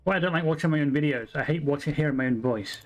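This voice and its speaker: A man with a high-leaning voice races through his words. He's a game streamer from Wales with an English accent, chatting casually over a factory-building game, swearing freely, muttering to himself, and often self-deprecating.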